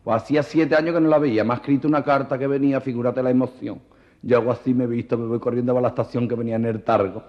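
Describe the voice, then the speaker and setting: This is a man playing a camp, half-blind man in a plaster cast. He tells his woes in a loud, high and breathless voice. The sound is a dull old cassette with a long reverb. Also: steady tone, very fast, natural voice. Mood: dramatic, plaintive.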